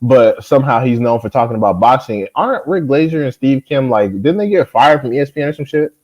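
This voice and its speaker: A man guesting on a casual podcast, ranting and mocking in an animated way. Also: medium pitch, brisk. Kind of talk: casual profane chat. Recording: dull lo-fi audio.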